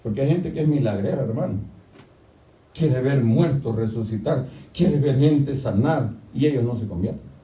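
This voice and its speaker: Preaching man, roomy distant sound. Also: moderate pace. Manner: preaching with frequent "hermano", swings to loud high-pitched shouting. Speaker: pastor. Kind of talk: sermon. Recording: echoey church sound from a distant mic.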